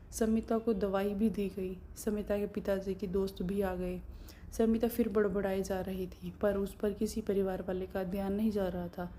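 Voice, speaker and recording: Calm flat-voiced woman storyteller. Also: mid-range voice, slight background noise. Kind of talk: storytelling narration.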